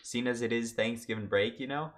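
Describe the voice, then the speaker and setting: A man's voice: mid-range voice, fairly even intonation, a little fast. A young man chatting casually on his livestream from home, rambling loosely with lots of fillers and restarts. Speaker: streamer.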